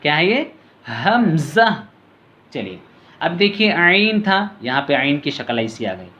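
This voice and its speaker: A man teaching letter reading step by step. He calls out each letter name in a long, drawn-out tone, then explains quietly in a lower voice. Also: very animated, lo-fi sound. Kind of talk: patient step-by-step reading lesson.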